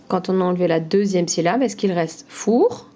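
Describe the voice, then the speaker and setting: A woman teaching a phonics lesson to young children, pronouncing each word slowly and clearly, syllable by syllable. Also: lowish voice, warm tone, muffled recording. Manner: slow, clear syllable-by-syllable pronunciation.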